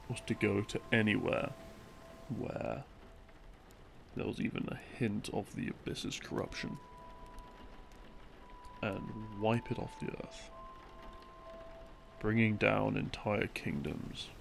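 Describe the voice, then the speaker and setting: Over soft background music, a lowish-voiced narrator plays a boyfriend in an audio roleplay, explaining game lore as a soothing, rambling sleep story. His breathy voice often sinks to a murmur, and he halts between short phrases with long pauses.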